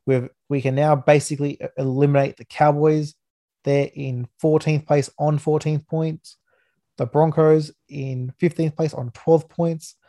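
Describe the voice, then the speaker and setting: Mellow, matey Australian bloke hosting. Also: male voice, on the high side, flat delivery, unhurried. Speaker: podcast host. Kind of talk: casual sports review podcast.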